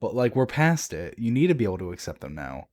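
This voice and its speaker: Brief: young adult man, low-pitched, enthusiastic podcast co-host who swears and stumbles over restarts. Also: quick pace. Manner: excitable, swears freely, restarts a lot. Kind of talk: casual chat.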